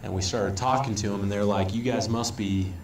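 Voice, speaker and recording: A man's voice: fairly low pitch, fairly even intonation, a little fast. An American man telling a travel story in an easygoing, storytelling way, with frequent ums. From United States. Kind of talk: casual travel advice video. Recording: roomy, distant, faint background noise.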